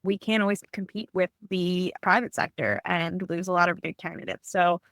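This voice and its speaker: A woman's voice: fairly low pitch, steady tone, moderate pace, a bit bright, no room sound, studio quality. An American woman in her thirties, an assistant manager speaking openly and earnestly in a roundtable discussion. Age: 30s.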